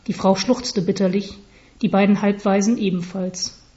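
Mellow-voiced woman reading deadpan. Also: medium pitch, normal speed. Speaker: narrator. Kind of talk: deadpan absurd story reading. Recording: slightly dull recording.

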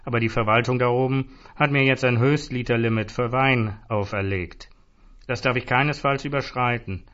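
A man's voice: medium pitch, steady tone, normal speed, a bit bright, lightly acted. Man doing a laid-back weary jesus, offhand sighing talk, dull lo-fi sound. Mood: resigned.

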